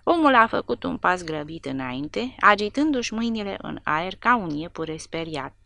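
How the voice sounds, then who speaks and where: Woman narrator, low voice, lively pitch, expressive audiobook reading, dry close sound. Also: creaky, no echo. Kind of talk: war novel narration.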